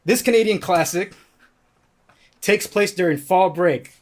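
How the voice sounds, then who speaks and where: A man's voice: high voice, measured pace, a little hiss or hum. A man with a slight lisp, hosting a casual podcast chat and reading out movie descriptions for a guessing game. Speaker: podcast host running a game.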